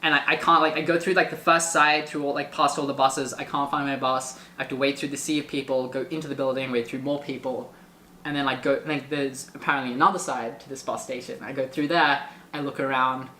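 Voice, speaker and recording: A man telling a travel story in casual chat, animated and full of filler words. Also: medium pitch, a little fast, echoey room, a little hiss or hum. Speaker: guest storyteller.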